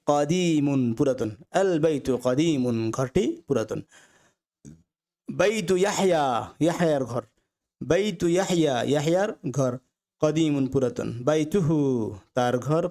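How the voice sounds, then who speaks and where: A Bengali-speaking man teaching Arabic grammar, reading out phrases slowly and repeating each with its translation. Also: on the high side, darkish tone. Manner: slow drilled repetition with translations. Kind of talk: recorded language lesson.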